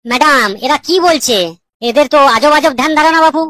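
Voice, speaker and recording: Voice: sits high, a little fast, pushed and bright. An exasperated cartoon schoolmaster. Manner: exasperated, incredulous. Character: indignant new male schoolmaster. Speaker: new teacher.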